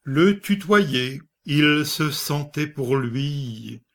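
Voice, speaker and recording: A man reading a short story aloud as narrator, in a slow, measured way. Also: fairly high pitch, animated, fairly bright tone. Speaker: audiobook reader.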